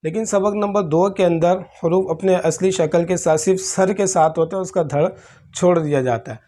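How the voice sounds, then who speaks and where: A man teaching Arabic letters for Quran reading, explaining patiently step by step and often clearing his throat. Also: high-pitched, mellow. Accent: Pakistani Urdu. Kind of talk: slow classroom-style letter teaching.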